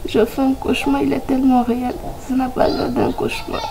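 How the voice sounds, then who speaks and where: A woman's voice: medium pitch, unhurried, reverberant, distant mic, background noise, natural voice. A woman playing an anxious young wife who voices her worries to her husband in a comedy sketch. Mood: distressed.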